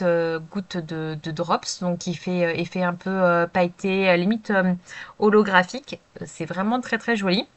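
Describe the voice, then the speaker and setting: A woman talks through a crafting project in a relaxed, chatty voice-over. She often pauses on hesitant fillers as she explains each step. The sound is dry and close, with no room around it. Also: medium pitch, no room sound. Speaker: craft video creator. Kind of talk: casual crafting tutorial voice-over.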